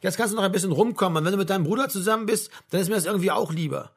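A man's voice: high-pitched, racing, creaky, slightly rough, exaggerated voice. A man reading a novel aloud, voicing a tired, blunt middle-aged mother who scolds her grown son. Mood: tired, tender. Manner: scolding, tired, sharp-tongued. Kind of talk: audiobook character voice.

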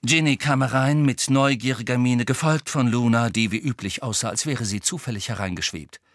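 A man narrating an audiobook in a measured, expressive way. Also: medium pitch, no room sound, studio quality.

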